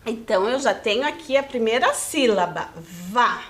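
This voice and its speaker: A woman with a Brazilian Portuguese accent teaching a video lesson to first graders, speaking slowly and patiently in a sing-song teacher voice. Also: fairly high pitch, animated, fairly bright tone.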